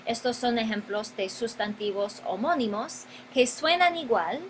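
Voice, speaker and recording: A woman's voice: a little high, measured pace, a little hiss or hum, poor audio. A woman teaching a grammar lesson, stretching out key words and repeating them for her students. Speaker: Spanish teacher.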